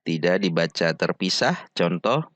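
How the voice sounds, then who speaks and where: A man teaching Quran recitation, patiently repeating syllables slowly for practice. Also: low voice, lively intonation, a bit bright, no room sound. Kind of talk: slow step-by-step pronunciation lesson.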